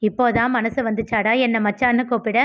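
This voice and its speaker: A woman's voice: a little high, level tone, fairly quick, highs cut off, close to an everyday voice. A woman voicing a young man who is emotional and hurt, speaking tearfully and reproachfully to his friend. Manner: tearful, pleading, then reproachful.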